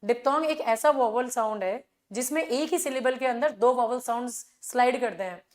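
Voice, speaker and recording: High-voiced Indian woman teaching English. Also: normal speed, darkish tone. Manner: explaining with rhetorical questions; repeats filler phrases. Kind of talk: exam revision class.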